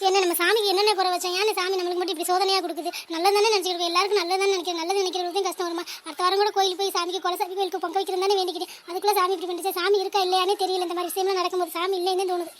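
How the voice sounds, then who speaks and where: A woman's voice: extremely high pitch, level tone, racing, hardly any pauses, a bit bright, a little hiss or hum. A woman voicing a fretful old mother. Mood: lamenting. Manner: fretful, lamenting. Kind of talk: animated cartoon dialogue.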